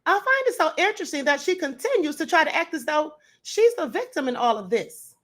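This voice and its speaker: An American woman delivers exposé commentary to her online audience in a high-pitched, sharp voice. She is smug and sarcastic, taunting the person she is calling out. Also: sing-song, brisk. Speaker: online video host. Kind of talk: exposé commentary talking to viewers.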